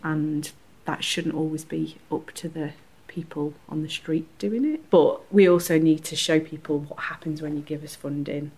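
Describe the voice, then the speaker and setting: A woman speaks in a low, grounded voice. She is an earnest, enthusiastic community organiser who laughs easily as she talks through her work in a relaxed podcast interview. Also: normal speed, few pauses, breathy edge. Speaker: community group organiser, guest.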